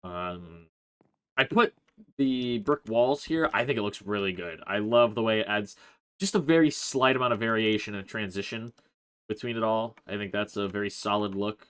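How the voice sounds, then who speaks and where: Low-voiced man rambling through gameplay. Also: brisk, clean tone. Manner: relaxed, rambling, thinks aloud with frequent "uh" and "like". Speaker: Let's Play host. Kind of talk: casual gameplay commentary.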